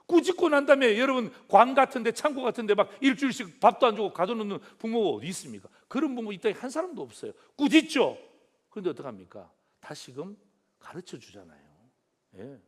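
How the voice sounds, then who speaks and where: High, lively-pitched preaching man. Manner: keeps asking the congregation rhetorical questions; keeps calling out to the congregation directly. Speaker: pastor. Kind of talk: Sunday sermon.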